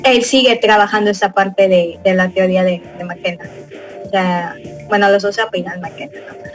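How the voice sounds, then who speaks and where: A young woman with a Mexican Spanish accent hosts a podcast, chatting casually and rambling with plenty of fillers and little chuckles. Her medium-pitched voice has fairly even intonation at a normal speed. Faint music plays behind her, and the audio is poor.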